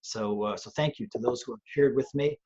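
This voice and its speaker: A man's voice: mid-range voice, a little fast, darkish tone, breathy edge, highs cut off. A man, a police trainer, talking earnestly and thoughtfully on a webcast, often restarting his sentences. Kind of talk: conversational webcast talk. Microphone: video call.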